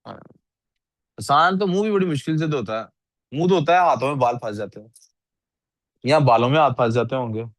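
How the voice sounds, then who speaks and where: A man's voice: medium pitch, brisk, pauses often, no room sound. A male teacher giving a classroom lecture and often asking his students questions. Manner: asks the class frequent questions, scolds sleepy students.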